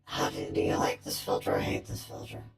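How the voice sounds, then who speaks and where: A man live-streaming in casual chat, speaking through a half-robotic cyborg voice filter and rambling as he trails off mid-thought. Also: fairly quick. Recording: echoey, loud music behind.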